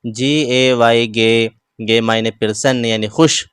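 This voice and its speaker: A man teaching English pronunciation, spelling each word letter by letter and then saying it slowly. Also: medium pitch, little pitch movement, fairly bright tone, smooth, no room sound, studio quality. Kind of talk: slow spelled-out pronunciation lesson.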